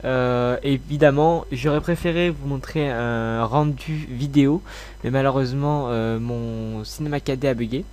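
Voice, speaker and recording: Casual tutorial host, male, mid-pitched voice blocked by a cold, informal and halting delivery. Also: fairly even intonation, a little mellow. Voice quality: congested, blocked-nose sound. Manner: informal, hesitant, mildly sweary. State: slightly ill with a cold.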